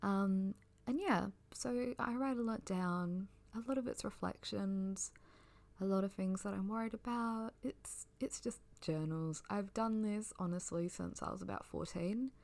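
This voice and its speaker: A young adult woman giving a sleepy, casual ASMR ramble in a soft, breathy, near-whispered voice. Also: medium pitch, a little slow.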